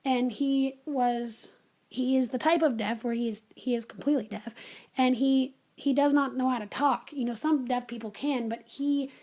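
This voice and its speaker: A woman casually telling a personal story in an animated, chatty way, full of asides. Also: high voice, moderate pace.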